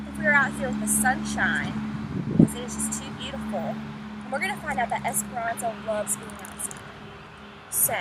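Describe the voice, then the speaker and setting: Outdoors in the open, with wind and traffic noise clearly audible around her, a woman teacher reads a children's storybook aloud. Her voice is fairly high, and she speaks straight to the young listeners as she reads.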